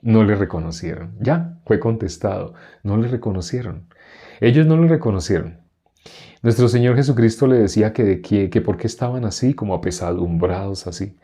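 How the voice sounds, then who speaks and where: A man's voice: on the low side, dark tone, slightly rough. A man teaching an interactive Bible class. He repeats verses and keeps asking the group questions. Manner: repeats verses slowly, chuckling now and then.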